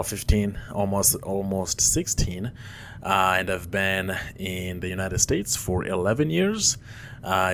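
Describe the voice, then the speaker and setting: A man in his twenties, born in Rwanda and raised in Mozambique, hosting a casual solo podcast, halting with many fillers and restarts. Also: low voice, slight background noise. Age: 20s. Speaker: podcast host. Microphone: headphones on, podcast mic.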